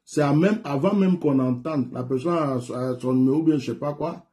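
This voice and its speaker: A man, a pastor from Côte d'Ivoire, talking live to viewers and callers in an animated, repetitive way. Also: mid-range voice, moderate pace. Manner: animated and repetitive, laughs often. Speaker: pastor hosting a live show. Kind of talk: live-stream talk with callers.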